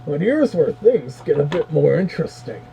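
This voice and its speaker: Gravelly, dark-voiced male reviewer. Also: on the high side, big pitch swings, moderate pace, slight background noise, rough recording. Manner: wry, chatty asides. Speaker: reviewer host. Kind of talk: casual commentary.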